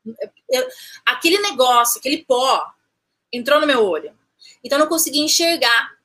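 Woman, interview guest, personal storytelling, high voice, animated, restarts phrases. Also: fairly quick. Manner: animated, restarts phrases, acts out quoted speech. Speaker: interview guest recounting a past event.

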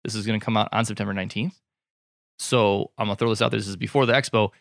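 A man's voice: lowish voice, fairly even intonation, racing, vocal fry, a bit bright, no room sound, clean studio sound. A man who is an emergency physician hosting a casual medical podcast, upbeat and jokey.

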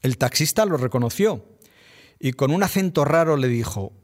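A man with a Spanish accent hosting a podcast, reading a scripted narration in a measured, reflective way. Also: mid-range voice, expressive. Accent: Spain Spanish. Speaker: podcast host.

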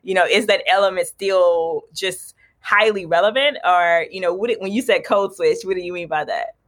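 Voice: medium pitch, normal speed, a bit bright. An interviewer chatting casually and asking questions in a conversational way. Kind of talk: casual chat.

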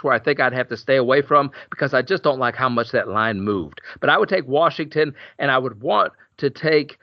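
Gravelly podcast host, dry lo-fi. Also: male voice, mid-range voice, no room sound. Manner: chatty, rambling, quick laughs. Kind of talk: casual sports betting chat. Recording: dull lo-fi dry sound.

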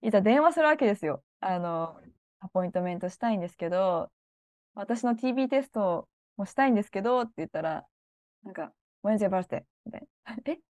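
A woman's voice: medium pitch, lively intonation, fast, darkish tone, no room sound. A Japanese woman co-hosting a casual podcast, telling anecdotes expressively and laughing often. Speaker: podcast co-host. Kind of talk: casual chat.

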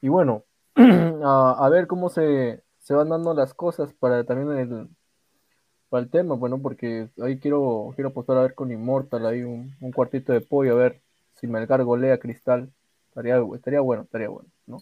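A man's voice: mid-range voice, fairly even intonation, moderate pace, no echo. A man taking part in a podcast panel remotely, chatting casually as he wraps up. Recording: dry, phone-like remote line.

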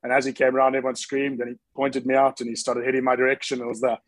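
A man's voice: medium pitch, monotone, racing, dry recording. A man with a Southern African accent telling anecdotes casually as a guest, in a jokey, self-deprecating way. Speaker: guest, rugby fan.

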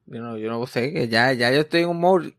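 A man's voice: medium pitch, a little fast, fairly bright tone, no room sound, clean studio sound. A young man with a Puerto Rican accent hosting a casual podcast, tired and rambling, poking fun at himself. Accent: Puerto Rican Spanish. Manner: tired, rambling, self-mocking. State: sleepy. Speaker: podcast host.

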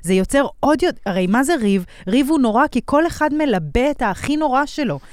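A woman's voice: high-pitched, lively intonation, a little mellow. A woman co-hosting a podcast in casual chat, reflective and full of fillers. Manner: reflective, uses many fillers. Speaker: podcast co-host.

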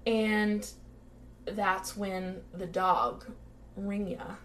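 A woman's voice: mid-range voice, very slow. Young woman co-host, casual storyteller who acts out voices, with a faint hiss behind. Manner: animated, acts out quotes, swears freely. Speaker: podcast co-host. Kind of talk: casual true-crime storytelling.

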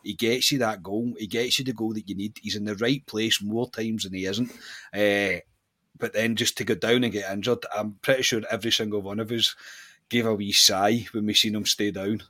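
A Scottish man with a fairly low voice chats through football matters on a podcast, thoughtful and measured. The sound is dry and close, with no room around it. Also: steady tone, pushed and bright, no room sound. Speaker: podcast co-host. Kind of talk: casual football podcast chat.

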